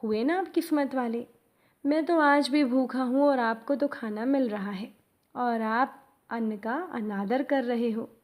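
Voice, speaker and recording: A woman voicing a hungry little street boy who pleads softly and tearfully. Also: fairly high pitch, unhurried, lightly acted. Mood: earnest.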